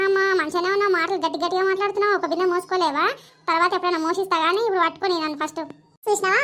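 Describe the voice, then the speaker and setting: Woman voicing shrill quarrelsome village women, Telangana Telugu accent, very high and very fast, rapid bickering, comic skit. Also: bright, forceful tone. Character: quarrelsome village women fighting over water pots.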